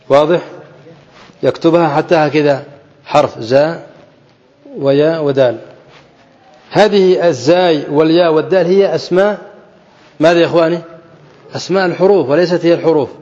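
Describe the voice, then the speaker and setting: A man's voice: a little high, darkish tone. Questioning male grammar teacher in a reverberant hall. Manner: asks the class questions and repeats key phrases slowly. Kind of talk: classical text lesson to students. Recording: dull audio with long hall reverb.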